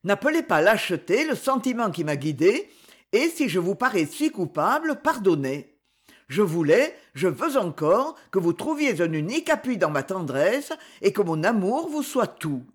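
A woman voicing a smooth-talking, deceitful married man in a read-aloud novel, with low, insistent, persuasive speech. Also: big pitch swings, moderate pace. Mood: pleading. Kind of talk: audiobook character voice.

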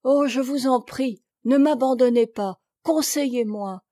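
A woman reads a meek, frightened noblewoman in a storybook, tearful, faltering and pleading. The voice is high and mellow, recorded close and dry. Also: a little slow, no room sound.

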